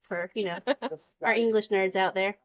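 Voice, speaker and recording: In an indoor farm shop with a concrete floor, a fiber spinning demonstrator in her thirties gives a casual hands-on explanation, recorded on a handheld camera nearby. She speaks at medium pitch with fairly even intonation and a moderate pace, keeping things simple with everyday comparisons.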